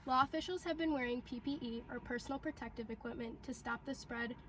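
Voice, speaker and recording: Higher-voiced young woman reading news. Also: quick pace, fairly bright tone, slight background noise. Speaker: student news reporter. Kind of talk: scripted news narration.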